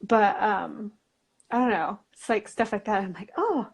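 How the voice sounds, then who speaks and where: A woman from Utah, United States, speaks in an unhurried, mid-range voice that's creaky and slightly rough. She's an illustrator and writer appearing as a guest in a casual chat, rambling loosely and chattily and saying "like" a lot.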